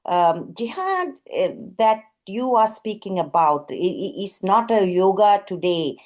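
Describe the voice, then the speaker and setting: Woman moderator, mid-pitched, probing questions, cuts in. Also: lively intonation, unhurried, darkish tone. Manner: probing, interrupting with pointed questions. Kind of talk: panel discussion.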